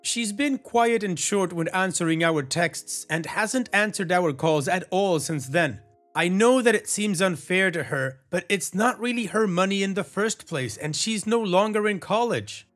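A man's voice: high voice, lively intonation, a little slow, fairly bright tone, faint music behind. A man hosting a podcast, reading posts aloud and giving blunt, opinionated commentary with some sarcasm. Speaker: podcast host.

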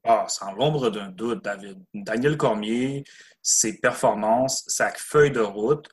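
A man co-hosting a casual combat-sports chat, relaxed, agreeing and asking questions. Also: lowish voice, takes it slowly. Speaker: MMA podcast co-host.

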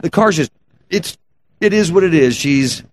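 Telling car stories as a guest on an interview, this shop owner and race car builder uses loose, slangy garage talk. He sounds a little high, animated, and talks at a normal speed. The recording carries clear ambient noise in the background.

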